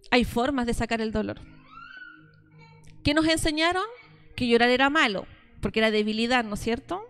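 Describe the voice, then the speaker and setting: A woman's voice: fairly high pitch, lively intonation, measured pace, pauses often, a bit bright, smooth. A Chilean woman in her thirties giving a testimonial sermon, telling stories and speaking straight to her listeners as sisters. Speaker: preacher addressing a women's church group.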